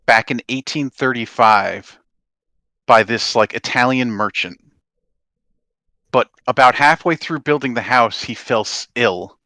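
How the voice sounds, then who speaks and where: A man's voice: medium pitch, bright, forceful tone, no room sound. A man working as game master, explaining and narrating a tabletop game in an informal, conversational way.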